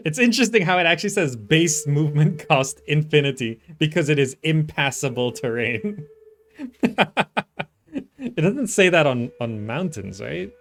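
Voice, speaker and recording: His voice is slightly high and fairly bright, animated but a little slow. As a gaming video host, he offers relaxed commentary, musing aloud and often letting sentences trail off. Game music runs in the background.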